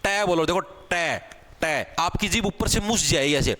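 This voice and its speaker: Man, fairly high voice, casual exam tutor, sounds out letters slowly, asks then answers himself. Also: animated, sharp tone. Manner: casual, repeats questions and answers them himself; spells out sounds slowly, one at a time. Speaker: teacher. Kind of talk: exam-prep grammar lesson. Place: online class video.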